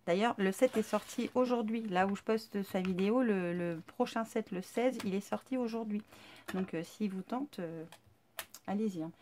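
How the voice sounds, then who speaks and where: A woman of average pitch talks through a craft unboxing. She is chatty and enthusiastic, trails off and fills gaps with fillers, and speaks in the casual way of a regular host. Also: moderate pace, dark tone, slight background noise. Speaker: craft YouTuber.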